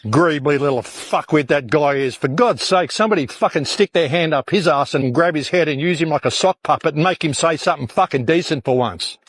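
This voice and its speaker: A man's voice: fairly high pitch, brisk, hardly any pauses, dry recording. Furious man ranting and cursing. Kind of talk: angry profane rant.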